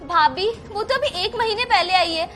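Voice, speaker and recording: A young woman plays a grown daughter calmly talking her mother round in a home drama, pleading and patient. Her voice is very high, with faint music behind it. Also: moderate pace, full character voice. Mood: reasoning. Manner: pleading, reasoning, gently scolding. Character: married daughter defending her sister-in-law. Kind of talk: family drama acting.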